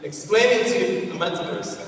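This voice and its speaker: A brisk, high-voiced man in his twenties from Afghanistan hosts a conference on stage in a large convention hall, energetically engaging the crowd with questions. He's far from the mic in an echoey space, with faint music in the background.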